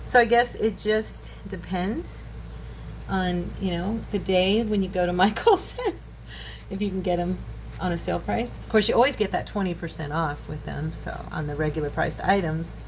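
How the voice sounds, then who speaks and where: Working indoors at her home craft table, this craft channel host in her fifties chats loosely through a tutorial, musing as she goes. She speaks at a moderate pace in a lowish voice, and the recording carries obvious household noise.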